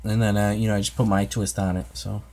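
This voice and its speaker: A man from the United States chats casually with viewers on his ASMR livestream, answering comments in a rambling, hesitant way full of fillers and restarts. His voice is fairly low, a little mellow, and fast, with little pitch movement.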